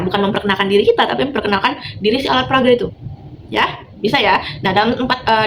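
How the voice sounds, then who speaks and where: A woman's voice: medium pitch, noisy background. A woman running an online training session for primary school teachers, encouraging and mixing in English phrases. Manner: sings example lyrics slowly to a nursery tune. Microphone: video call.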